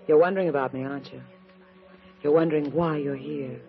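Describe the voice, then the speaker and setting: In a 1940s radio drama, an actress plays an anxious, guarded woman pleading for help, tense and urgent in manner. Her voice is deep and natural with a steady tone, a little fast. The sound is a dull old radio broadcast with music.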